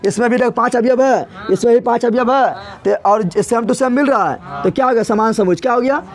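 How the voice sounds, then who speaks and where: A man teaches a math class in a classroom. His voice sits very high, and he keeps asking the same question twice and stretches out slow counting for his students. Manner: drills students with repeated questions, drawn-out counting. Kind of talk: classroom lesson with call-and-response questions.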